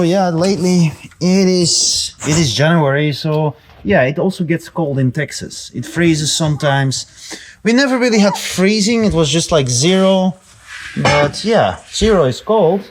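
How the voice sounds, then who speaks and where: A man speaking in a casual, rambling way as he gives a walkthrough tour inside a small trailer. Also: a little high. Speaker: vlogger giving an RV tour. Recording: noisy small trailer interior.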